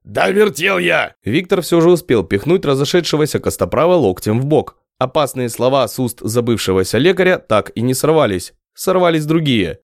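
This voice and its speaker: A man narrating an audiobook in a lively storytelling manner. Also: mid-range voice, a little fast, hardly any pauses, no room sound, clean studio sound. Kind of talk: scripted narration.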